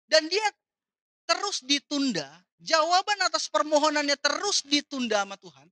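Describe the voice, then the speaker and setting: A woman preaching at a youth conference, asking the audience questions and swinging from loud to soft as she retells a story. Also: high-pitched, big pitch swings, normal speed, no room sound. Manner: addresses the audience as "saudara" and asks them questions; retells the story with dramatic rises and drops in loudness. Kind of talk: conference sermon.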